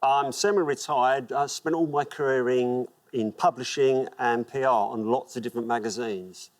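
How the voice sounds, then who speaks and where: A man's voice: mid-range voice, fairly even intonation, normal speed. An older man chatting casually as a quiz show contestant. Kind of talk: casual chat.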